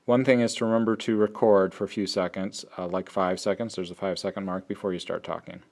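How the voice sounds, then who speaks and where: A man's voice: sits low, flat delivery, fast, a little mellow. A man explaining an app step by step in a tutorial, thinking aloud as he works. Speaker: teacher. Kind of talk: screen-recorded app tutorial.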